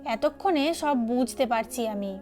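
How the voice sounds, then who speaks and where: Woman reading a sneering, suspicious dad in an audio drama; high pitch, accusing tone. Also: measured pace, a little mellow, natural voice. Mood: scornful. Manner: scornful, accusing. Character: suspicious, scornful older father.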